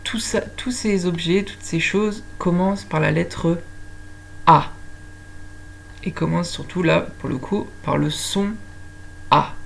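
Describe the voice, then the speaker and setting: A woman with a low, gravelly voice talks very slowly as she teaches children to write words by ear. She stretches every syllable out with patience. A faint hiss sits under the recording. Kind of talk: slow phonics lesson for young children.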